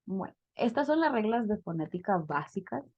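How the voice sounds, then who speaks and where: A woman's voice: mid-range voice, very animated, normal speed, dry recording, highs cut off. A woman teaching a pronunciation class over a video call, explaining step by step and checking in with her students. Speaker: English teacher.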